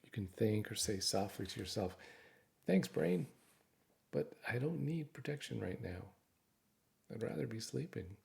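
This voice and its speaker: In a low voice heavy with creak and gravel, a man leads a guided meditation, giving gentle, reassuring instructions as he walks the listener through calming exercises. He speaks a little slowly and leaves long pauses.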